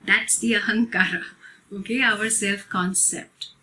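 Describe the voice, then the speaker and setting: A woman teaches at a spiritual festival, taking her time over every phrase. Her pitch sits in a middle range and her delivery is gentle and devotional. She explains each idea carefully, the way a teacher walks a group through new terms. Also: fairly even intonation, a little hiss or hum, low-quality recording. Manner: measured, explanatory, unhurried.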